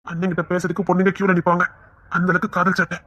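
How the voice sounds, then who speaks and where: A man's voice: sits high, completely flat delivery, quick pace, fairly bright tone, breathy edge. A man voicing an earnest younger brother who pleads eagerly with his elder. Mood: pleading.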